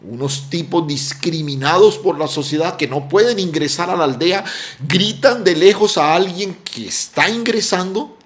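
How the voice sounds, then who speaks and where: A man preaching a sermon as pastor, emphatic, often dropping soft on key words and repeating phrases. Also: high voice, normal speed.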